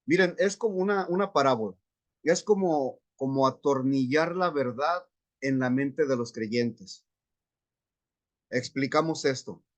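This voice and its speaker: Slow, measured male Bible teacher. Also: medium pitch. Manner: unhurried, explains Greek words step by step. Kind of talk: Bible class lecture. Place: church classroom.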